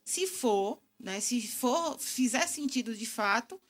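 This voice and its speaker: Middle-aged woman guest, somewhat high voice, calm and reflective, explains patiently. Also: slow. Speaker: guest communication expert. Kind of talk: studio interview answers.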